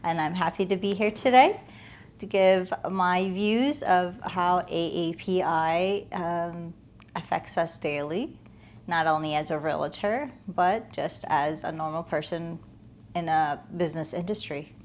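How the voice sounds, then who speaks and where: Speaking in an unhurried, fairly low voice with slight background noise, a realtor appears as an interview guest. She came to the United States from Afghanistan as a toddler and answers reflectively and earnestly, conversational in style, often building emphasis through short listed phrases.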